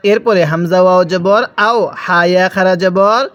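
A man's voice: high voice, steady tone, normal speed, a bit bright, clean tone, muffled recording. A male teacher from Bangladesh with a Bangladeshi Bengali accent, giving a recitation lesson, spelling out syllables one by one and having viewers repeat after him.

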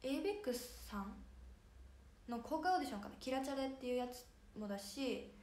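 This young idol streamer speaks in Hiroshima dialect, chatting casually and calling out viewers by name to thank them. Her high, expressive voice is brisk with a somewhat dark tone, and the echoey room carries faint music plus a little background noise.

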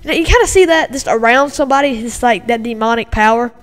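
A woman's voice: on the high side, fast talker. A woman giving a casual, agitated reaction commentary from home, rambling with many fillers and repeats. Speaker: video commentator. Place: home with a dog and a TV in the background.

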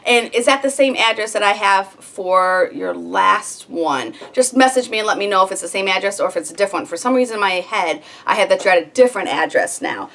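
A woman's voice: medium pitch, animated, brisk, few pauses, a bit bright. A woman in her thirties chatting casually to camera in a small sitting room, rambling a little with lots of ums. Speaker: homestead vlogger.

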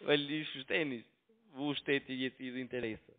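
This is an argumentative phone call carried on a tinny narrowband line, with a telephone mic. The caller is a man from outside Germany who speaks with a foreign accent and isn't a native German speaker. His voice is mid-range, with a steady tone and measured pace, and he argues defensively and repetitively in broken grammar.

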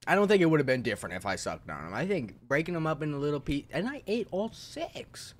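A man's voice: fairly high pitch, big pitch swings, rapid-fire. Young male streamer, casual and sweary. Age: young adult. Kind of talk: casual chat to viewers, heavy swearing and slang. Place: small bedroom, indoors.

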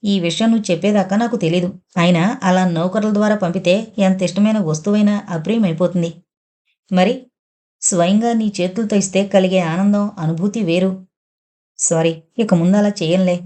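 Woman narrator reading an affectionate young rich man, mellow low-key delivery, audiobook novel. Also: fairly even intonation, moderate pace, close to an everyday voice. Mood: gentle reproach. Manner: affectionate, coaxing. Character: young wealthy man, tender lover.

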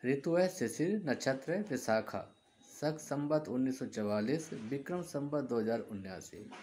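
A man hosting a daily almanac segment, reading dates and time slots in a steady, itemized way. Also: mid-range voice, normal speed, slight background noise.

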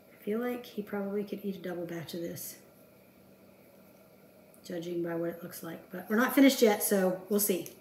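A woman's voice: lowish voice, a little hiss or hum. A woman in her fifties chats her way through a recipe in her home kitchen, joking at her own expense. Her voice carries through a roomy, echoing space from a camera set across the counter. Utensils and dishes clink faintly behind her. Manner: chatty, self-deprecating, talks to herself while working. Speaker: home cooking vlogger. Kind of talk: casual cooking chat to camera. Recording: echoey kitchen with clattering dishes.

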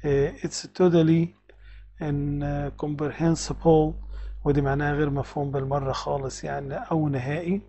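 A man with an Egyptian Arabic accent teaching English vocabulary, reading English words slowly and explaining them quickly. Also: fairly high pitch, fairly even intonation, mellow, slight background noise.

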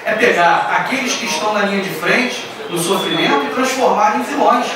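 A man in his thirties speaks from a podium microphone in a large council chamber, with a fairly high voice and an emphatic, forceful style. The recording is very echoey and distant, and a crowd murmurs clearly in the background. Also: animated, brisk. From Brazil. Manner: forceful, emphatic oratory with raised passages. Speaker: city councillor. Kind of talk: political speech in a council chamber. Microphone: podium microphone on a stand. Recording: echoey hall, voice heard from afar.

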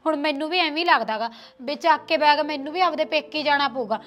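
A woman's voice: sits high, fast talker, fairly bright tone. A young woman playing a sister who complains about her sister-in-law. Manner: complaining, aggrieved. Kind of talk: village family drama acting.

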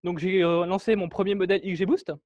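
A man's voice: high-pitched, level tone, fast, dry recording, dull audio. A man giving a technical talk at a meetup, walking through code with many fillers and restarts. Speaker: meetup speaker. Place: meetup room.

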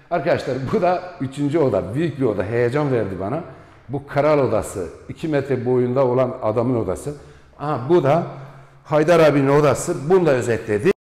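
A man's voice: medium pitch, a little mellow. A man in his forties from Turkey, a real estate agent giving a rambling house tour with folksy asides, recorded on a camera mic while walking through an empty villa. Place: empty unfurnished villa, indoors. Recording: echoey empty rooms.

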